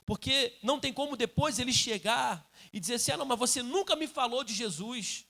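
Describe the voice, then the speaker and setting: Middle-aged man, church pastor, high voice, preaching with earnest force. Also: a little fast, vocal fry, sharp tone. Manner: calls listeners "querido". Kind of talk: sermon. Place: church sanctuary.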